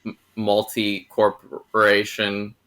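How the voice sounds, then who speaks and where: A young man hosts a casual film review chat. He rambles and hedges, often restarting his sentences. His voice is bright and forward. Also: fairly low pitch, monotone, slow. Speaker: host.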